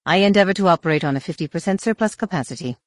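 Woman reading an alien woman commander, flat monotone, dry close sound, storybook. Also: lowish voice, very fast, no room sound, close to an everyday voice. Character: flat-voiced female alien base commander.

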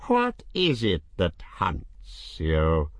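A man voicing an ancient, cunning male dragon with a great dry voice, speaking slowly and coaxingly. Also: low voice, huge pitch swings, no room sound, exaggerated voice. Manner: slow, coaxing, drawn-out words.

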